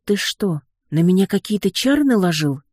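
A reader voicing a sharp-tongued young witch heroine in an audiobook, with indignant quick retorts. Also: medium pitch, sing-song, no echo, studio quality, voice pushed up. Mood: suspicious.

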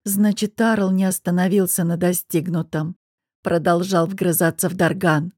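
A woman narrating a first-person fantasy audiobook in an even, expressive storytelling manner. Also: lowish voice, moderate pace, no echo, clean studio sound.

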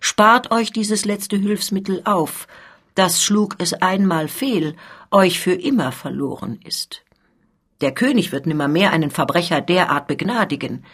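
A woman's voice: on the low side, animated, measured pace, breathy edge. A woman reading the part of an experienced male lawyer, grave and cautious, giving earnest warning counsel.

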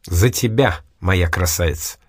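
A man reading aloud and voicing a gruff, short-tempered male gangster in an irritable manner. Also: low-pitched, a little slow, no echo, clean studio sound, voice pushed down.

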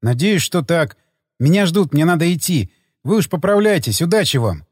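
A man's voice: fairly high pitch, very animated, normal speed, slightly rough, dry recording, studio quality, big-room sound, pitched above the performer's own voice. A man voicing a shy, earnest young male sniper who stumbles over his words. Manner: hesitant, stumbling.

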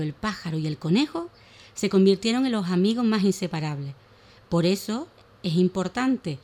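A woman speech therapist talks on a radio morning show, explaining language exercises for children. She then reads a children's story aloud in an animated storytelling voice. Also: lowish voice. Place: radio studio.

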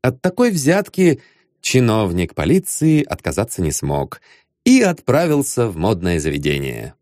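Expressive male audiobook narrator. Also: on the low side, unhurried, no echo, studio quality. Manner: expressive storytelling.

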